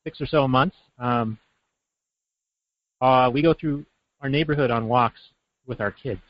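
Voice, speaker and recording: A man with an easygoing, mid-pitched voice starts a personal story and settles into it, pausing now and then on fillers. The recording is dry and a little dull, like a home podcast setup. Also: no echo. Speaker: podcast co-host. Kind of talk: casual podcast chat.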